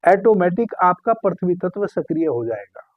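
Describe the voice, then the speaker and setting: Calm man guiding meditation, phone-like sound. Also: sits high, no room sound. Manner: slow, calm, repeating key phrases. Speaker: spiritual meditation teacher. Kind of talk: guided meditation instruction.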